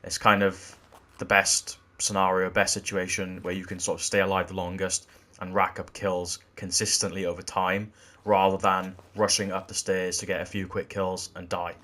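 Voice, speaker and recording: A man walking through video game tactics in a gameplay tutorial, explaining in a steady way that often repeats "again". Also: deep voice, moderate pace. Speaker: gaming channel host.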